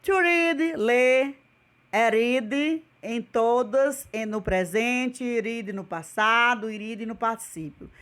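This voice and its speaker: In a slow, fairly high, slightly bright voice, a woman with a Brazilian Portuguese accent leads a remote English lesson over video. She repeats each word patiently and keeps questioning her class.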